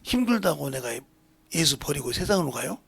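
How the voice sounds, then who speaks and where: Older guy preaching, real gravelly and husky, goes quiet then loud, kinda high voice. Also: big pitch swings, brisk. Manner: swings between hushed asides and loud emphatic preaching. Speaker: pastor. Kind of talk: sermon.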